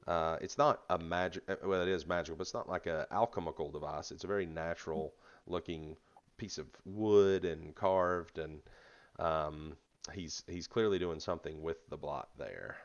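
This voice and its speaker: Deep-voiced man running a tabletop game. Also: normal speed. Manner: relaxed and chatty, with fillers and laughter. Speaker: game master. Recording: slightly dull lo-fi mic.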